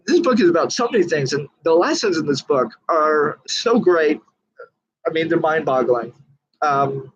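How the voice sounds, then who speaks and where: A man's voice: a little high, slightly rough, muffled recording. A man talking casually about magic, earnest and rambling, with many fillers and restarts. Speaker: magician reviewing a book. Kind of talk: casual talk to camera.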